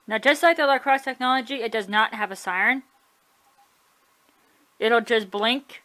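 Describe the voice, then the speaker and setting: At home, a woman gives a casual video tour of her collection, chatty and offhand, often correcting herself and shrugging things off. Her fairly high voice moves at normal speed and sounds pushed and bright.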